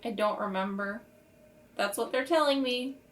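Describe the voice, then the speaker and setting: Playing a tabletop game, this woman makes up her character's lines and actions on the fly, chatting casually. Her voice sits a little high and has a bit of brightness, and she speaks at normal speed in a relaxed, conversational manner.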